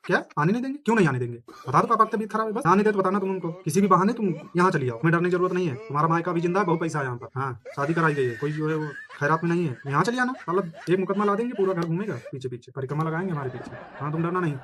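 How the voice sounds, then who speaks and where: Young male comic, high-ish rapid delivery, blustering then meek on a phone call. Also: lively intonation, a crowd in the background. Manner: brash boasting that turns sheepish and backpedaling. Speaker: comedian playing a brother on the phone.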